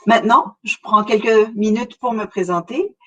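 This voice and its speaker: A middle-aged relocation consultant from Montreal, Canada, with a Québécois accent presents a webinar, talking straight to her listeners in a conversational way with frequent hesitations. Her mid-range voice moves at normal speed and sounds pushed and bright.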